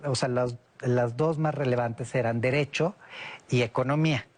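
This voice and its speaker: A man in his forties who grew up in Italy, a guest in an interview, explaining at length and often pausing to search for words. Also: mid-range voice, steady tone. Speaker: guest, director of a citizen security observatory. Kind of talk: casual interview talk.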